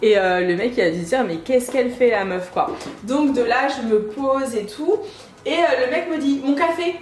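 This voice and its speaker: Animated woman telling a story in an echoey room. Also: a little high, normal speed. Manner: animated, acts out both sides of the dialogue. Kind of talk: casual storytime vlog. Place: inside her apartment. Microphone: camera mic. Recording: roomy, echoey apartment room.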